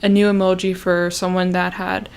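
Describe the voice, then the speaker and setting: This young Canadian woman, a YouTuber in casual livestream chat, speaks at normal speed in a fairly low, level voice that is gravelly, clear, and resonant. Her talk meanders with many fillers and restarts, and she seems self-conscious.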